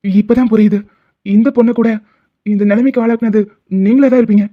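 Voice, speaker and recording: A woman's voice: fairly high pitch, fairly even intonation, a little fast, close to an everyday voice. Woman as firm, protective male doctor, cartoon drama, tinny phone-like sound. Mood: firm reassuring. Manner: reassuring, firm. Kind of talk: cartoon voice acting.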